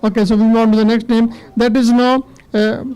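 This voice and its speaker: A man's voice: very high-pitched, flat delivery, a little fast, dark tone, clean tone. A man hosting a school prize ceremony, announcing informally and encouraging with short repeated phrases.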